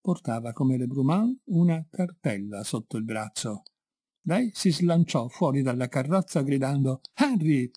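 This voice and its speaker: A man with an Italian accent reading a classic short story in a measured, expressive way. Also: medium pitch, slightly rough, dry recording. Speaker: narrator. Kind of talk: literary audiobook reading.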